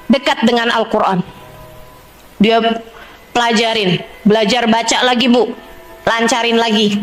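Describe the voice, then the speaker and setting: A woman's voice: high-pitched, a bit bright. A female religious teacher giving a chatty, humorous sermon to a women's gathering, talking straight to her listeners. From Indonesia. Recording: echoey hall.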